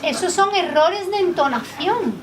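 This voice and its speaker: High-voiced trainer from Spain, distant mic. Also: female voice, unhurried, crowd noise. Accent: Spanish from Spain. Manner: lively, asks the group rhetorical questions. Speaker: workshop trainer. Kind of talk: public speaking workshop. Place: indoor training room. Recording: distant mic, faint background noise.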